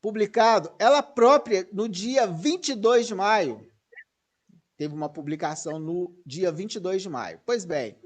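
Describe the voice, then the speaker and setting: A man hosting political commentary, excitable and digressive, often correcting himself mid-sentence over a video call. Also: high voice, a little slow. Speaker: host.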